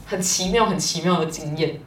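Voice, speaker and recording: A young woman, a guest telling a personal story in a rambling, lively way. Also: deep voice, moderate pace, a crowd in the background. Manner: rambling, lively retelling with quoted dialogue. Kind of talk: casual storytelling in an interview. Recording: distant mic, roomy echo.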